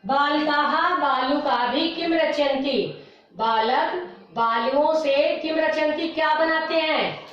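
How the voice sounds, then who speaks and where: A high-pitched woman takes a class slowly through a vocabulary list. She repeats each word and corrects pronunciation with steady patience. Her voice sounds far from the mic, with heavy room echo, a dull lo-fi tone and faint music underneath. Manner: slow, patient, repeats words for pronunciation drill. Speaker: Sanskrit teacher. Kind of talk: classroom lesson explaining word meanings.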